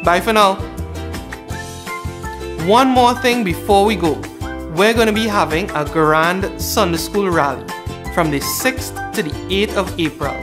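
A young man hosting a children's Sunday school session and leading a prayer, calm and friendly. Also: sits high, a little slow. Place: studio with green screen. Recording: music playing underneath.

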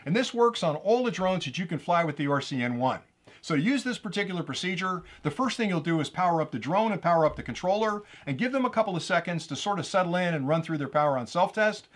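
Male tutorial host, brisk and fairly high voice, friendly explainer energy. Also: a bit bright. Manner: upbeat, chatty, playful. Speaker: drone channel host. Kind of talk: hands-on tutorial.

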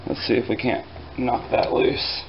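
A man casually explaining a small engine repair in his home garage, relaxed and dryly joking, with plenty of fillers as he works. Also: mid-range voice, measured pace, gravelly, highs cut off, background noise. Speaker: repair instructor. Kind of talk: casual hands-on repair tutorial.

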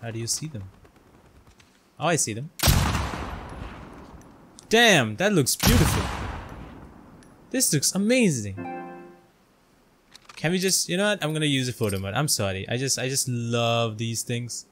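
A man's voice: medium pitch, big pitch swings, measured pace, long pauses, music in the background. A man talking casually over his gameplay, reacting aloud and cursing at the game. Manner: chatty, reacts aloud, laughs and curses at the game. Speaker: gameplay streamer.

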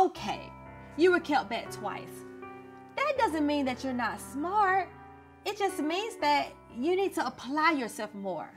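A woman's voice: sits high, exaggerated voice. A woman playing an encouraging poetry teacher on a children's show, in a broad singsong delivery. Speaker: teacher, show's star. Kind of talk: scripted children's show acting. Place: indoor TV studio set, light music behind.

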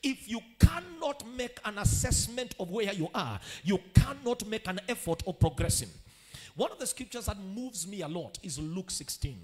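A man with a Kenyan accent preaching a sermon as pastor, swinging from quiet teaching to shouted declarations and calling for amen. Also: sits high, very animated, normal speed, faint music behind.

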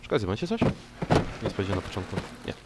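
A young man giving casual, joking commentary while he plays a game, talking to its characters and breaking into loud excited yelps. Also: lowish voice, racing. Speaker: gameplay commentator. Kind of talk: casual let's-play commentary. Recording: old mic with clear background noise.

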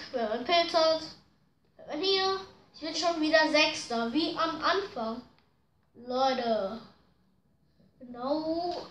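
A woman giving slangy, excitable commentary while playing a racing game, groaning and pleading at the screen. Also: high voice. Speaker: gaming video host. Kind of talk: casual gameplay commentary. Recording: roomy echo.

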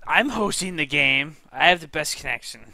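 A man's voice: a little high, lively intonation, moderate pace, pushed and bright, no room sound. Drunk young man streaming a game. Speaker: live streamer. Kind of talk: casual gaming chat.

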